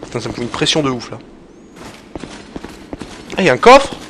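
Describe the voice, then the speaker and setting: A man giving excitable gameplay commentary, swearing often and talking to his viewers, with loud game sound behind him. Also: mid-range voice, normal speed. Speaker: gaming channel host. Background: game audio and noise.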